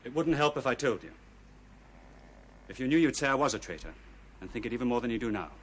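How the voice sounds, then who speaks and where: An actor playing a young boat commander in a period television drama, guarded, clipped and defensive. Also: male voice, mid-range voice, expressive, quick pace, a little hiss or hum, lightly acted. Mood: guarded defiance. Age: young adult.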